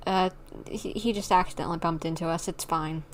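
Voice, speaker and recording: A woman streams a game with casual, chatty, playful commentary, reading the dialogue choices aloud. Her voice is on the low side, fairly quick, with fairly even intonation and a little hiss or hum in the recording.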